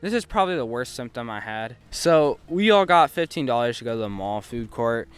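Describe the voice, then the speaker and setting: A young man tells an embarrassing story for a casual vlog, full of slang and cursing. He swings from loud, hyped-up lines to muttered asides. His voice sits at a middle pitch and sounds smooth and clear. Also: lively intonation, fairly quick, soft background music. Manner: slangy and profane. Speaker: YouTuber telling a story.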